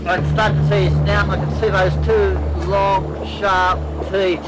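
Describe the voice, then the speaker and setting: A man with a high voice makes casual remarks to his team outdoors at a river. Very loud music runs over the sound. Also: flat delivery, unhurried, poor audio. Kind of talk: casual on-location talk.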